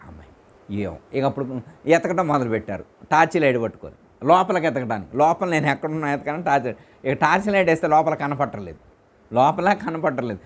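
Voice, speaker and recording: A man's voice: fairly high pitch, big pitch swings, fast. A man as spiritual teacher giving a discourse in a private home, repeating his phrases and putting questions to his listeners.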